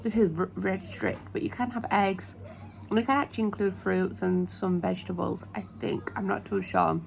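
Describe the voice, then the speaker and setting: A woman's voice: mid-range voice, fairly even intonation, moderate pace, creaky, slight background noise. A young British woman vlogging at home, chatting and rambling with lots of ums, recorded on her phone camera held at arm's length. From United Kingdom. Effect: phone video recording. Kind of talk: casual chat to camera. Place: indoors at home.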